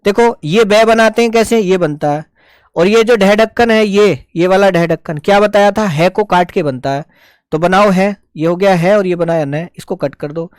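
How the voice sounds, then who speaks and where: A man's voice: high-pitched, normal speed, clean tone, no echo. Patient man teaching shorthand, dry close sound. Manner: patient, explains step by step, addresses students as beta. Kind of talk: live online class.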